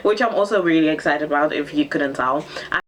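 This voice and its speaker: This get-to-know-me vlog features a seventeen-year-old girl from Zambia who was raised in Cape Town, chatting casually and bubbling over with ums. Her voice is deep and a little fast, and the audio quality is poor.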